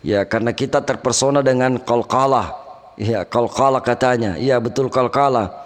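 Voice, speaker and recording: A man teaching Quran recitation rules, chanting verses slowly and melodically between plain explanations. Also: medium pitch, long reverb tail. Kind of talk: tajwid lesson with chanted recitation.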